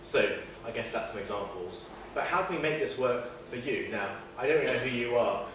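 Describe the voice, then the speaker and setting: At a meetup, a man who is not from northern England delivers a chatty, self-deprecating informal talk riddled with fillers and restarts. His medium-pitched voice has lively intonation and a moderate pace. Recorded from a distance, the event room sounds very echoey, with faint noise.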